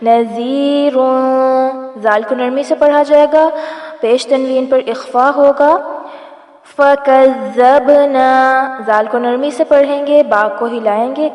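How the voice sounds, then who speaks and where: A woman teaching Quran recitation, giving brisk explanations between slow, drawn-out recited verses. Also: high voice, a little mellow. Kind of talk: tajweed lesson, explaining and reciting. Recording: echoey room with long reverb and faint music.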